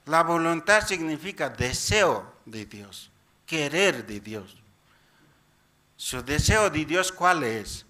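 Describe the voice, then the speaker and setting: Slow, bright-voiced preaching deacon. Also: male voice, on the high side, very animated. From Bolivia. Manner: repeatedly asks the congregation questions and keeps addressing them as brothers; tags sentences with "dice" while paraphrasing scripture. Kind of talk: Sunday church sermon.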